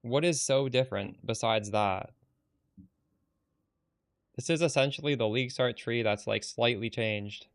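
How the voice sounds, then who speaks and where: A man's voice: mid-range voice, a little slow, long pauses. A man live-streaming a game, talking bluntly and with some exasperation as he answers chat, swearing casually.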